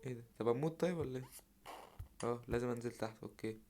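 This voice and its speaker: Young Egyptian gamer, mid-pitched, talks to himself with bursts of yelling; faint noise behind. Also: male voice, very fast. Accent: Egyptian Arabic. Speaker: gamer streamer. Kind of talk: casual gameplay commentary.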